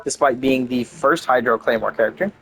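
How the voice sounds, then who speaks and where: A man's voice: mid-range voice, brisk, husky, faint music behind, low-quality recording. Rambling man commenting on his game. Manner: rambling, swears casually, thinks out loud. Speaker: gaming video creator. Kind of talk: casual gameplay commentary.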